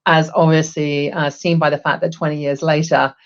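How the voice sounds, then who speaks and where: A middle-aged Englishwoman, an HR executive, is an upbeat interview guest on a video call from a room at home, chatting casually with many ums. Her voice is low and level at a moderate pace, and the sound is lo-fi.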